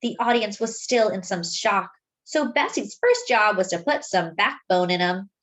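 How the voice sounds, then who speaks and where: A woman reads a children's story in a mid-range voice, her tone expressive and dramatic and her pace deliberate, as though speaking to a group of young listeners.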